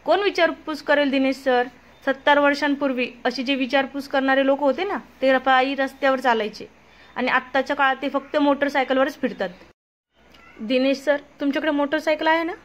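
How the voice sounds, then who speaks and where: A smooth corrupt official, read by a woman. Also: high-pitched, steady tone, brisk, lightly acted. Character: scheming corrupt official, smooth and persuasive man.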